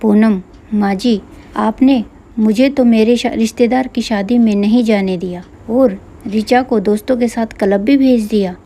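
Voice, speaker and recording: A woman's voice: on the high side, a little slow. A woman doing a meek young daughter-in-law. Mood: hurt. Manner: soft, pleading.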